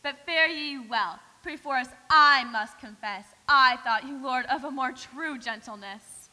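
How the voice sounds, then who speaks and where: A woman's voice: high voice, a little slow, pushed and bright, heavily acted. A woman playing a lovelorn young noblewoman who pleads in emphatic verse. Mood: hurt. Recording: echoey hall.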